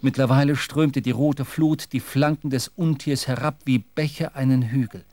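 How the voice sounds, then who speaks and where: Man reading the narration for a radio play, calm literary delivery, dry close sound. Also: mid-range voice, no room sound. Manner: measured, literary storytelling. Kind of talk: scripted narration of a radio drama.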